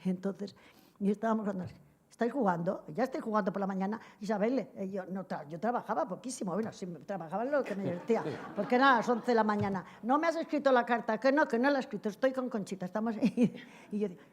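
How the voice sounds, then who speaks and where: A woman's voice: medium pitch, fast. An older woman being interviewed, telling long, rambling anecdotes, often laughing and acting out bits of dialogue as she goes. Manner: rambling, digressive storytelling with frequent laughs; acts out quoted dialogue.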